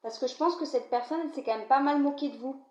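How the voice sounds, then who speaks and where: Speaking fast in a slightly mellow voice, a woman with a cold coughs her way through a tarot-style reading to camera. She chats with the viewer directly, checking in often with "d'accord?". The recording, made at home, is low in volume, dull and roomy.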